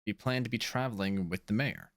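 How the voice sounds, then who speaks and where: Man, game master, lowish voice, casual rambling narration, dry sound. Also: brisk, no room sound. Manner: casual, filler-heavy narration.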